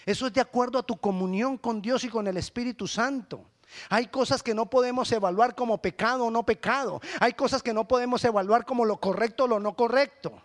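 A middle-aged male pastor preaching a sermon, lively and emphatic, acting out the church members he quotes. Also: very high-pitched, brisk. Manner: animated preaching, rising to loud emphatic peaks.

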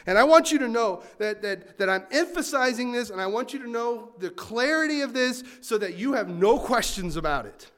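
A man as a pastor preaching a sermon in a lively, conversational way, with asides to the congregation. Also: extremely high pitch, moderate pace, few pauses.

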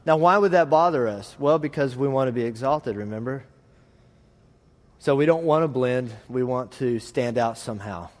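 An animated man with a medium-pitched voice and a rural Texas drawl preaches at a normal speed. He tells anecdotes in a folksy, rambling, self-deprecating sermon to a congregation in a large room, with reverberant hall sound on the recording.

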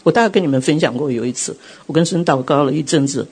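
Husky-voiced woman preaching a sermon. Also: low voice, quick pace. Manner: animated storytelling, acts out quotes. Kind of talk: sermon with personal testimony.

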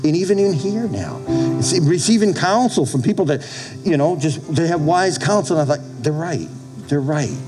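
Middle aged guy pastor preaching kinda conversational, slightly high voice, repeats himself for emphasis, music playing under him. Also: expressive, moderate pace. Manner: folksy, emphatic, seeks amens from listeners. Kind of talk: conversational church sermon.

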